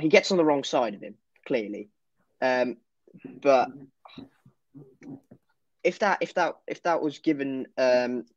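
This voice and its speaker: A man's voice: medium pitch, no room sound, muffled recording. A man co-hosting a football podcast, reviewing a match in casual chat, hesitant and full of fillers and restarts.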